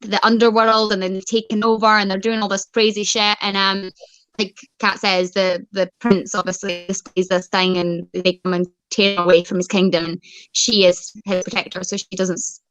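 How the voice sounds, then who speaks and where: A woman's voice: mid-range voice, little pitch movement, moderate pace, fairly bright tone, dry recording, low-quality recording. A woman chatting casually about books, gushing, laughing often and swearing freely. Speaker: book club host. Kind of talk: casual book chat.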